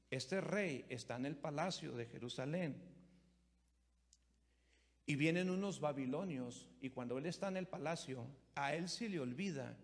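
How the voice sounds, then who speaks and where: A middle-aged man, a pastor preaching a sermon that moves from storytelling to emphatic, repetitive exhortation. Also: a little high. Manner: storytelling, rising to emphatic preaching with repeated words. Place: church hall. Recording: long hall reverb.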